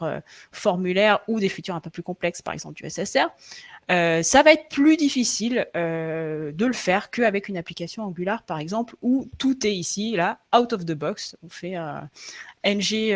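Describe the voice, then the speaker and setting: A young woman giving a live online coding presentation over a computer mic. She talks in a loose, hesitant way, full of fillers and restarts, and checks in with her viewers now and then. Her throat is a little sore. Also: medium pitch. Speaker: frontend developer presenting a live webinar. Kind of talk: live tech presentation, conversational.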